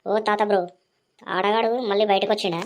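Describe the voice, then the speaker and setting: A woman voicing a cheeky young grandson in a cartoon, teasing in quick banter. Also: medium pitch, flat delivery. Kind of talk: cartoon voice acting.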